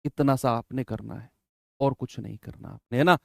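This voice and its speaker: A man's voice: medium pitch, normal speed, creaky, darkish tone, no room sound, clean studio sound. A man teaching an exam-prep math lesson in Hindi, coaching students in a chatty way and often checking with "है ना?".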